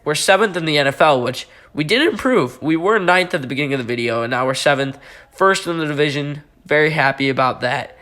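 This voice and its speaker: A man giving casual gameplay commentary over his football video game footage, talking in a halting way with many fillers. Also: on the high side, sharp tone. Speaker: gaming YouTuber.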